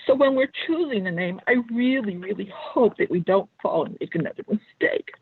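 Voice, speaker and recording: Phone caller, woman, public comment; earnest and measured, slightly husky, heard over a thin, dry phone line. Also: mid-range voice, animated. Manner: earnest, measured, pausing often to find words. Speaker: public commenter calling in to a school board meeting.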